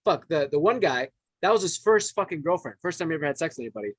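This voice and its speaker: Man, podcast host, slightly high voice, fast talker, profane, casual anecdote. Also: expressive, breathy edge, dry recording. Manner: loose, profane anecdote-telling with fillers.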